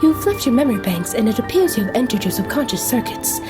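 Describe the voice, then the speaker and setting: A woman voicing a kind, supportive android who speaks gently and reassuringly. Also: fairly high pitch, very animated, fast talker, music in the background. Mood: worried. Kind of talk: fan audiobook voice acting.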